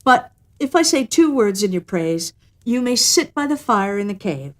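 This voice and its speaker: A woman's voice: fairly high pitch, sing-song, normal speed, pitched above the performer's own voice. A woman voicing a shrewd, self-assured cave woman in a storybook, speaking emphatically and firmly. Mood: amused, bargaining. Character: shrewd, firm cave woman bargaining with an animal.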